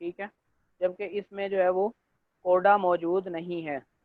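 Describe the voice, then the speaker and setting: A male lecturer gives an online class, explaining step by step, checking in with students and filling pauses with stock phrases. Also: high-pitched, little pitch movement, dry recording. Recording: dry, tinny phone-like line.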